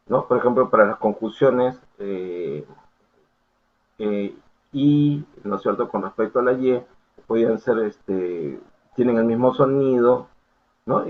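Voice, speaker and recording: Male lecturer, patient and explanatory, keeps checking students follow; lowish voice, tinny lo-fi recording. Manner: explanatory, full of checking questions and fillers. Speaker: university lecturer. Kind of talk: academic lecture. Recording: tinny phone-like audio.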